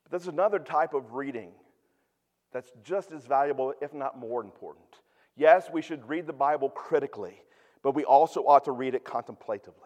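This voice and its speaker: A man preaching a sermon as pastor, teaching earnestly and moving between hushed, quiet stretches and emphatic, raised passages. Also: mid-range voice, a little fast, in a large hall.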